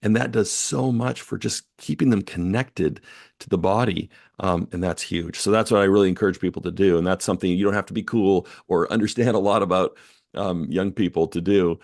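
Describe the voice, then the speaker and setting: This is a man with a deep, low voice, talking as a podcast guest. He sounds earnest and reflective and often fills his pauses with "um" and "you know." The recording is dry and close, with no room sound. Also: steady tone, creaky, darkish tone, dry recording. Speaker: guest author and editor. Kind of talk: conversational podcast interview.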